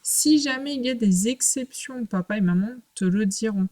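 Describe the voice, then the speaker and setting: A woman teaching a recorded remote lesson to young children. She talks patiently and clearly in short phrases with pauses. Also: on the high side, darkish tone. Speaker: primary school teacher.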